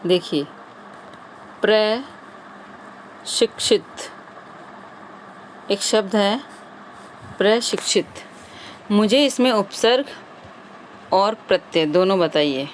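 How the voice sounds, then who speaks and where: A woman's voice: medium pitch, slow pace, pauses often. Quizzing woman teacher, faint noise. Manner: quizzing, repeats answers, addresses viewers directly. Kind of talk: exam-prep grammar lesson.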